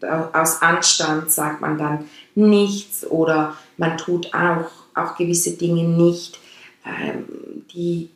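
A Swiss woman whose first language is Swiss German speaks Standard German with a Swiss accent, explaining chakras casually as a chakra teacher and podcast host. Her lowish voice is flat and slow, and she rambles, restarting and digressing. The room is very echoey.

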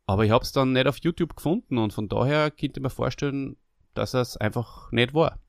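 A man's voice: mid-range voice, brisk, gravelly, dry recording, clean studio sound. A man with an Austrian German accent hosting a podcast, chatting in an easygoing, rambling way with lots of fillers. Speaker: podcast host. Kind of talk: casual chat.

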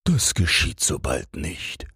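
A man's voice: extremely low pitch, sing-song, slow, pushed and bright, slightly rough, dry recording, clean studio sound, exaggerated voice. A man voicing the wind in a fairy tale, commanding and lecturing. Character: the wind, a bossy kindly old elemental.

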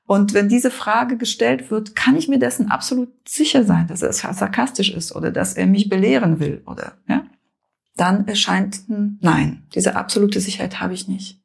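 A woman coach and mediator calmly explaining a method step by step in conversation, with measured pauses. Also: medium pitch, gravelly, slightly rough.

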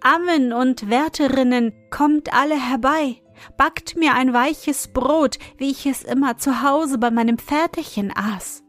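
A woman voicing a wise young enchanted princess who calls out loudly and commandingly to her servants. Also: high voice, a little slow, soft background music, pitched above the performer's own voice.

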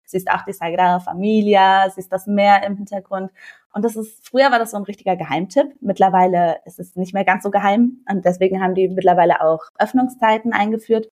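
A young woman from Germany joins a podcast as a guest. She talks in a relaxed, casual way and gives travel tips with plenty of enthusiasm. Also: medium pitch, a little fast.

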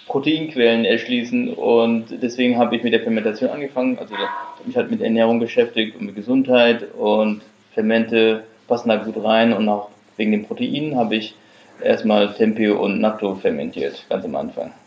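A man guesting on a podcast explains his craft from his workshop. His voice sits somewhat low, and he pauses with the odd filler. The room echoes, and the recording has a dull, lo-fi sound. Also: steady tone, slight background noise. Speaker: guest, fermentation producer. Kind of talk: casual interview.

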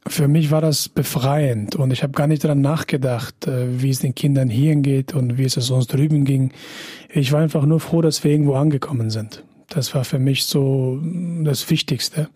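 A man in his thirties from Afghanistan speaks in a mellow, slightly raspy voice. He answers interview questions slowly and reflectively, often pausing with fillers. The sound is dry and close. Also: medium pitch, fairly even intonation, no echo. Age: 30s. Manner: hesitant, reflective, many fillers. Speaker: podcast guest.

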